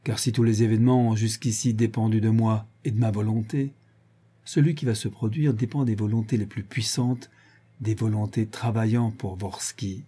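A man's voice: lowish voice, steady tone, normal speed, breathy edge. Vorski, a man putting on a ranting villain. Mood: exalted. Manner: ranting, exalted, shouting insults. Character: brutal drunken male villain, grandiose and boastful.

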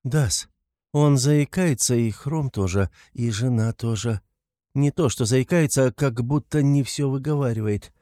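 Playing a shy, timid, poor young woman, a man raises his pitch while she pleads softly in halting, flustered phrases. His tone stays mellow and slightly dark underneath, and the portrayal is lightly acted. The sound is close and dry, without echo.

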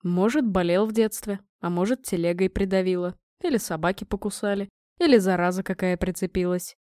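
A woman voicing a smug, teasing middle-aged king in a lowered, drawling voice. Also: a little fast, dark tone, no room sound, studio quality, natural voice. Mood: mocking. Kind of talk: audiobook reading.

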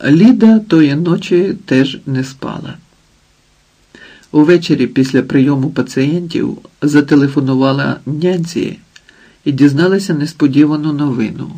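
Gravelly, husky male audiobook narrator. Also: a little high, moderate pace, warm tone, low-quality recording. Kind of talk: scripted narration.

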